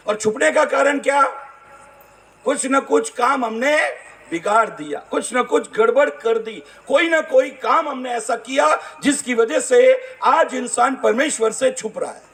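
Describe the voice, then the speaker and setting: A man's voice: very high-pitched, a bit bright. A middle-aged man from India preaching a sermon as pastor, telling stories and acting out the dialogue for the congregation. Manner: storytelling, acts out dialogue, calls to congregation. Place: church gathering hall.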